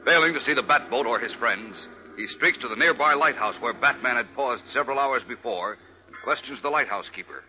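A man's voice: mid-range voice, animated, fairly quick, faint music behind. A man giving dramatic scripted narration as the narrator of a 1940s radio serial. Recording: muffled vintage radio recording.

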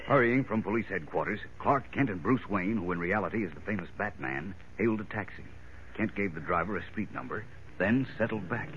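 A man's voice: deep voice, lively intonation, brisk, a little hiss or hum. A man with an American accent narrating a 1940s radio serial in a dramatic, suspenseful old radio announcer style. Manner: dramatic, suspense-building delivery. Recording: dull, lo-fi vintage radio recording.

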